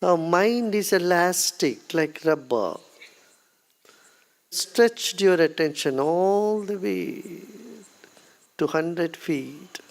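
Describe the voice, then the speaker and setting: A meditation teacher with an Indian accent and a mid-range voice guides a practice. The delivery is calm and unhurried, with gentle instructions and long pauses.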